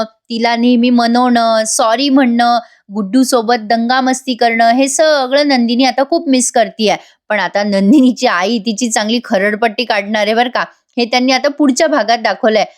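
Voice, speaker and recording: A woman giving a voice-over recap of a TV serial episode, retelling it animatedly and acting out the characters' lines. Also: on the high side. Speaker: TV serial reviewer.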